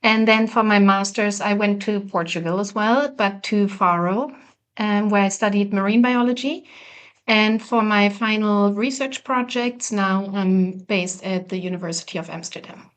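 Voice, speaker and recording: A young woman from Germany takes part as a guest in a relaxed chat. Her voice is smooth and clear at a medium pitch. She speaks in a plain, matter-of-fact way. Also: moderate pace. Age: young adult. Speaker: guest, marine biology student. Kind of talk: casual conversation.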